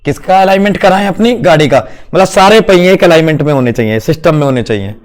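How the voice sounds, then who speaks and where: A man's voice: a little high, quick pace. A man teaching a class, playful and quizzing his students as he explains, mixing in English terms. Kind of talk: classroom lecture.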